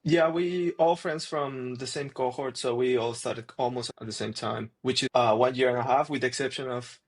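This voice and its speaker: A man's voice: medium pitch, steady tone, normal speed. A young man, a student guest, telling stories loosely with lots of fillers. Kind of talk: casual interview.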